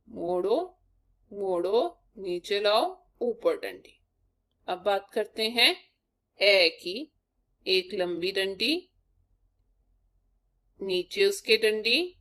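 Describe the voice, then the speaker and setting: Woman teacher, very slow, spells out each sound for small kids. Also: mid-range voice, fairly bright tone. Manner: slow, sounding out letters one by one for children. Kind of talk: slow primary-school lesson.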